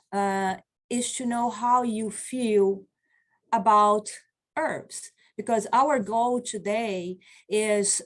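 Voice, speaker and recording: Speaking from a small office through a webcam, this woman in her forties gives an online continuing-education class as a medicine practitioner; English isn't her first language. She sounds earnest and encouraging at a slow pace, with a mid-range voice, reading chat replies aloud.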